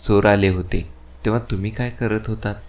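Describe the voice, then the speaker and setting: A man's voice: fairly low pitch, fairly even intonation, normal speed, lightly acted. A man reading the part of a young, confident CID inspector who questions people sharply. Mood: stern questioning.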